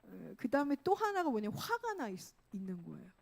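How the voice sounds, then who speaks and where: A woman pastor giving a sermon in a conversational way, often correcting herself and slowing down on key phrases. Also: fairly high pitch, huge pitch swings, vocal fry, a little mellow. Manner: conversational preaching, frequent self-corrections.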